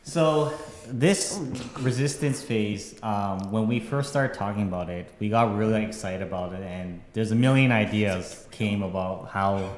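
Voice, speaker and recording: A man's voice: fairly low pitch, measured pace, hardly any pauses. A man, a game developer on a live stream, talking casually and rambling with lots of fillers and tag questions. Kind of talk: casual panel chat. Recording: echoey room with long reverb.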